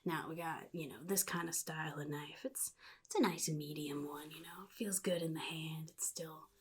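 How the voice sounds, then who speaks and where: A woman voicing the Joker, a chaotic, sadistic male crime mastermind, in a soft-spoken ASMR roleplay with a breathy, halting, casually menacing drawl. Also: low voice, fairly even intonation. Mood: casual menace. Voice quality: breathy, husky, gravelly whisper.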